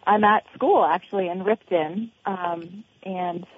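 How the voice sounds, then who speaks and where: A woman speaking as a guest in a phone interview, choosing her words carefully with halting pauses. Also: lowish voice, breathy edge. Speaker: interview guest, local parent. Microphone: telephone. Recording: tinny, narrow telephone line.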